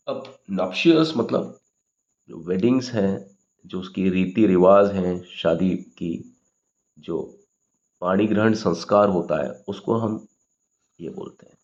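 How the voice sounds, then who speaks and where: A man's voice: lowish voice, creaky, darkish tone, dull audio. A man teaching English grammar in Hindi, patiently explaining words and often checking with "okay?".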